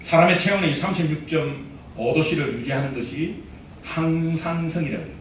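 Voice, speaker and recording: A male pastor preaching a sermon to a congregation, animated and acting out pep talks to himself, recorded in a church sanctuary. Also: a little high, normal speed, a little hiss or hum. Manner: animated preaching, acts out self-talk, calls out to the congregation. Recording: echoey church hall, mic at a distance.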